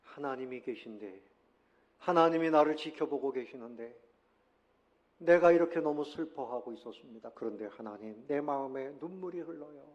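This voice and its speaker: A male pastor delivering a sermon at a middle pitch, his voice rising to forceful exhortation and then dropping to near-hushed storytelling. He calls on the congregation to repeat after him. The recording is a little dull and lo-fi. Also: moderate pace. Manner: leads congregation in call-and-response.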